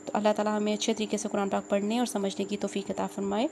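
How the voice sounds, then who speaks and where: A woman teaching Quran recitation, taking her time over each letter sound and repeating it two or three times. She explains each rule and stops often to check in. Her voice sits at an ordinary middle pitch, and faint background noise stays under it throughout. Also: little pitch movement, creaky. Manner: checks in with "okay?" after each point. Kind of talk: tajweed lesson with recited drills.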